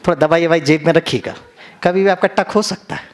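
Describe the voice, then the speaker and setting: A middle-aged man giving an animated seminar talk to doctors in a conference hall, mixing Hindi and English and acting out quotes. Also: on the high side, brisk. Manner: audience call-and-response. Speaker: motivational trainer.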